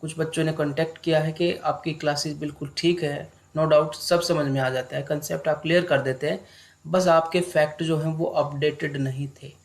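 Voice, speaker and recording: A young man teaching an exam-prep lesson online in a relaxed, unhurried way, mixing English terms into his talk. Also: a little high, vocal fry.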